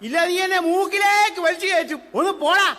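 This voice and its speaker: A man's voice: very high voice, fast talker, bright, forceful tone. A man acting a drunk, boastful and rude rich man in an amateur stage play, with a mocking, slurred manner. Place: school stage before an audience. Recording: echoey hall stage recording.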